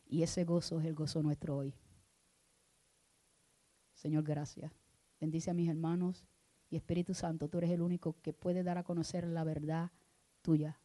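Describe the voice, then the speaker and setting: Woman minister, lower voice; fervent sermon that swings between hushed prayer and loud exhortation.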